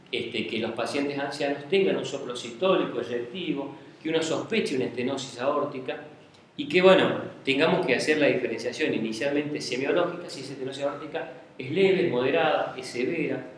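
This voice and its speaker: A man giving a medical lecture, explaining step by step and checking in with the class often. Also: mid-range voice. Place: lecture room. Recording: very echoey classroom with faint hiss.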